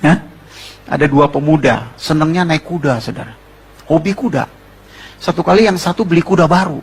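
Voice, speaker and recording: Husky-voiced Betawi preacher man. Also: on the high side, moderate pace. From Jakarta, Indonesia. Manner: animated, joking preaching with rhetorical questions. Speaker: pastor. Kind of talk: sermon.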